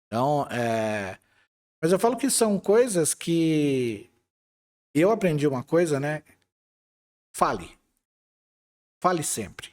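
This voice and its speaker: A man with a Brazilian Portuguese accent, an IT manager interviewed as a guest, telling stories in a relaxed way with some hesitant restarts. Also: a little high, slow pace, long pauses. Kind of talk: conversational interview.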